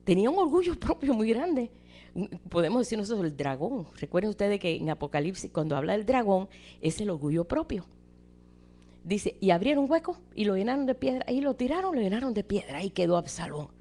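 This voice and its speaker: A woman preaching a sermon with animated delivery, often repeating words and calling listeners brother. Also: mid-range voice, a little fast. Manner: animated, acts out quoted voices, addresses listeners as brother.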